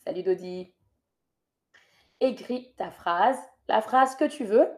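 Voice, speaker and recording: Slow, patient French teacher woman. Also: mid-range voice. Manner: patient, repeats instructions slowly to viewers. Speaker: French teacher streaming live. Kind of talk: live-stream writing correction lesson.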